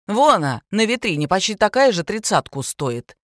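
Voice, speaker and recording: A woman's voice: mid-range voice, big pitch swings, moderate pace, no echo, clean studio sound, close to an everyday voice. A woman voicing a suspicious, stingy rustic man who grumbles in coarse village speech.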